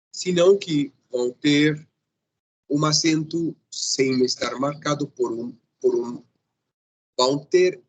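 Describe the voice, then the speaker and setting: Male teacher, unhurried, slightly husky; patient explainer who keeps checking in with the class. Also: a little high, fairly bright tone, poor audio. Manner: patient, checks in often with a questioning "sim?". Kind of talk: grammar lesson.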